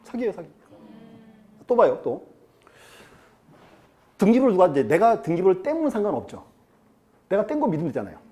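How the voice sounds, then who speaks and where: A man's voice: sits high, wildly swooping pitch, a little fast, long pauses, warm tone, soft background music. A male lecturer teaching a class in a chatty way, quizzing students and acting out quotes. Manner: chatty, asks the class questions and acts out quotes. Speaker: real estate law lecturer.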